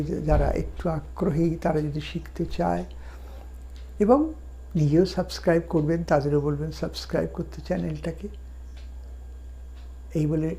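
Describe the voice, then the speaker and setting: A man with a Bengali accent teaching a language lesson, explaining patiently and repeating example sentences slowly. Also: a little high, dark tone.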